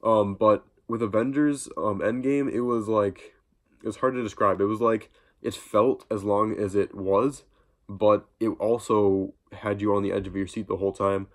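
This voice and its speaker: A young YouTube vlogger with a stuffy nose from a cold chats casually in a reaction vlog, rambling with lots of ums and restarts. His voice is fairly low in pitch, steady in tone, and moderately paced.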